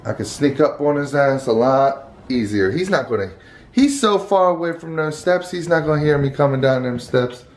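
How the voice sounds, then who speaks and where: A man's voice: fairly high pitch, animated, normal speed, slight background noise. A middle-aged man, a father, talking casually and crudely in a family vlog, scolding and swearing a lot.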